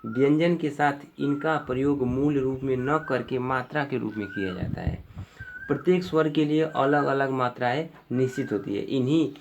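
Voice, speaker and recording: A man's voice: medium pitch, muffled recording, slight background noise. A male teacher giving an exam-prep grammar lesson, explaining step by step and often repeating himself with fillers.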